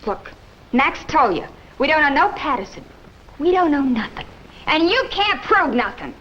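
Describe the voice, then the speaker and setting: A scornful, defiant young woman who talks in coarse street slang in a 1950s TV drama. Her voice is high and sharp, with a lively pitch. The sound is dull and lo-fi. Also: normal speed, slight background noise. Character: brassy young woman, crook's girlfriend, defiant.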